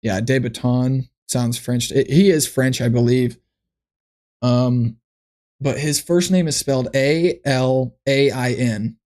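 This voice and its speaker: A man chatting on a casual livestream, musing aloud and restarting his sentences as he goes. His voice sits at an ordinary middle pitch. He talks into a desk mic at his computer. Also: fairly even intonation, slow, darkish tone. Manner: thinks aloud, rambling with restarts. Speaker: streamer.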